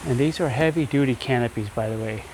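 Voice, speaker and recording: A man's voice: medium pitch, quick pace, a little mellow, a little hiss or hum, poor audio. A man walking through a house, garage and yard, giving an easygoing home tour and thinking aloud as he goes.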